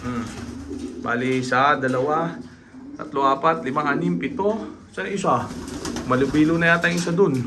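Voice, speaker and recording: A man casually walking viewers through his pigeon loft as a breeder, pointing out birds with quick asides. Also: fairly high pitch. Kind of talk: casual vlog walkthrough. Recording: noisy loft with pigeons cooing.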